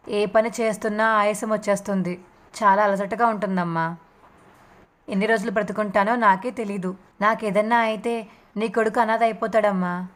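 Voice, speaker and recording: A woman's voice: medium pitch, natural voice. Woman reading a weary, frail grandmother. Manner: tired, soothing.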